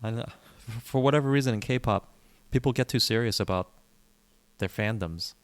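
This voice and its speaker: A man co-hosts a casual podcast chat, speaking at a moderate pace in a medium pitch. A native English speaker, he is opinionated and rambling, repeating himself and frequently restarting his sentences.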